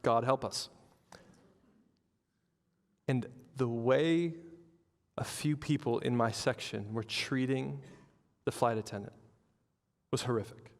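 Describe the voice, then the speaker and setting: A man preaching a sermon as pastor, animated, acting out the people in his stories. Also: mid-range voice, slow, pauses often, long reverb tail. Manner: animated storytelling with acted-out quotes. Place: church hall.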